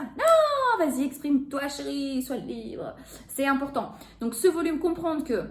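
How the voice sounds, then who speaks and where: A woman in her forties, a voice therapist explaining a topic to viewers in an expressive, animated way. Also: high voice. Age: 40s. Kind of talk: educational video talk. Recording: echoey room.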